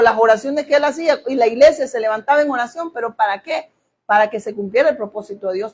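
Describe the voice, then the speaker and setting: Woman preaching, high pitched, fired up, keeps asking the church questions. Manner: emphatic, asks the congregation questions and acts out quoted voices. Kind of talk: sermon.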